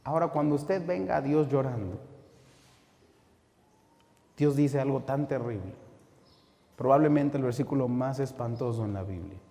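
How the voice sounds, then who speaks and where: A man preaching a sermon as pastor, impassioned, swinging between shouted rebukes and low, intense warnings. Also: normal speed, vocal fry, pauses often. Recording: echoey hall with long reverb.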